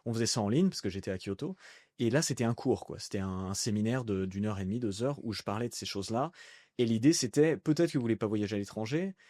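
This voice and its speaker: Speaking quickly in a lowish, mellow voice, a man in his thirties from France rambles through a casual conversational podcast interview as a guest, with frequent fillers and restarts. The recording is dry and of studio quality.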